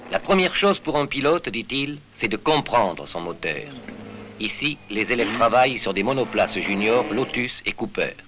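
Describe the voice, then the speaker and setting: A man gives formal, measured narration for an old news report. His voice sits at an ordinary pitch. A clear hiss runs under the 1960s film soundtrack. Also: animated.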